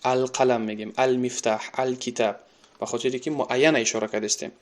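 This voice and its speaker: A man's voice: medium pitch, flat delivery. A man with a Tajik accent teaching an Arabic grammar lesson. He reads each Arabic sentence, repeats it and then translates it.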